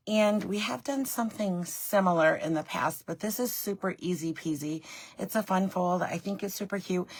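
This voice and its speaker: Hosting a live craft demo from her craft room at home, a middle-aged woman chats along and welcomes viewers by name. Her voice sits on the low side and has a slightly scratchy, raspy quality.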